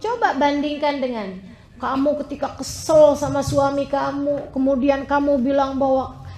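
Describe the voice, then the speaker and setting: Female preacher, high and animated, echoey room. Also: moderate pace. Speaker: Islamic preacher. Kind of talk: sermon to a women's audience.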